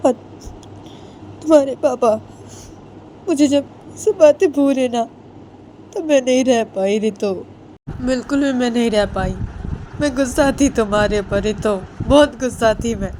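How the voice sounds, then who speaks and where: A distraught mother pleads in a high, wailing voice , as a woman narrator acts her out. Her voice is mellow and soft-edged, and it climbs well above a plain speaking voice. The faint hum of traffic sits underneath. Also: unhurried, long pauses, lightly acted. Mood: pleading.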